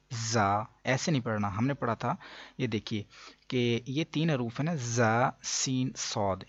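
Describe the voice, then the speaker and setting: A man teaching a Quran reading lesson. He explains each rule, then slowly drawls out the letter sounds for the listener. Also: medium pitch, no room sound. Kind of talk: step-by-step recitation lesson. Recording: dull dry lo-fi recording.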